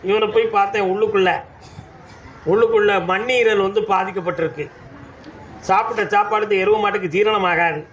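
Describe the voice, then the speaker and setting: This man, from Tamil Nadu and carrying a southern Tamil accent, voices the deity at a village temple as a trance oracle, scolding and commanding the devotees who question him. He pitches high with fairly even intonation and a fairly bright tone, talking fairly quickly yet leaving long pauses. Faint noise sits behind a dull recording.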